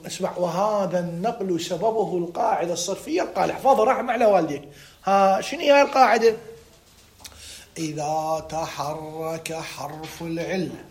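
A man with an Iraqi Arabic accent teaching a recorded lesson, stretching out key words, repeating them, and posing students' questions to himself before he answers. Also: high-pitched. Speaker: religious school teacher of Arabic morphology. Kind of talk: recorded lesson, live-streamed.

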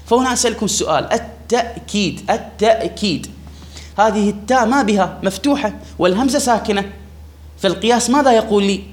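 A man's voice: sits high, racing. A man teaching a grammar lesson to a class, repeating key words and putting questions to his students. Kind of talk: classroom lesson explaining a text.

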